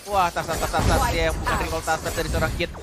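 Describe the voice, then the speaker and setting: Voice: mid-range voice, little pitch movement, fast. An esports commentator with an Indonesian accent gives live play-by-play, playfully repeating words. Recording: loud game music behind the voice. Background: loud music.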